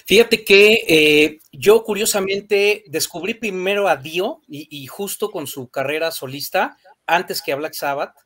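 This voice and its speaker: A man's voice: high-pitched, unhurried, a bit bright. A man, hosting a casual talk and reflecting thoughtfully, with fillers like "este" and "pues". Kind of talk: casual conversation.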